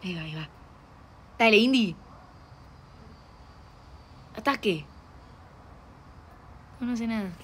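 A woman's voice: medium pitch, lively intonation, moderate pace, long pauses, fairly bright tone, slightly rough. A young woman with a Rioplatense accent, chatting casually on a live stream at home and talking to her dog. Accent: Rioplatense Spanish. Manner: chatty, playful, talks to her dog and chat. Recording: noisy home stream audio.

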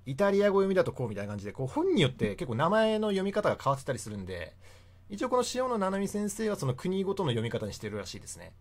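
Man in his young adult years, relaxed and talkative as a history explainer, lively up-and-down delivery. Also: sits high, racing. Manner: chatty, laughs often between points. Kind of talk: casual history lecture.

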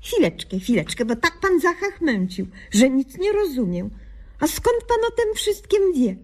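In a radio comedy sketch, a woman plays an earnest, naive young doctor, delivering quaintly mangled officialese with a deadpan, puzzled air. Her voice is high and her speed normal.

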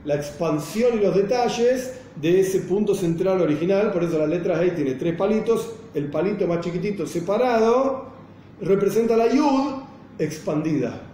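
Man, Torah lesson, explanatory, rhetorical questions, mellow tone, faint background hiss. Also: high-pitched, animated, normal speed. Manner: explanatory, rhetorical questions, acts out an angry outburst. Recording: very echoey room, faint noise.

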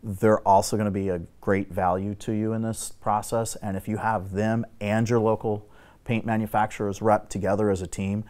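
A middle-aged man, a guest expert on building exteriors, explaining repairs in a steady, technical, instructive way on a studio talk show set. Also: lowish voice, moderate pace.

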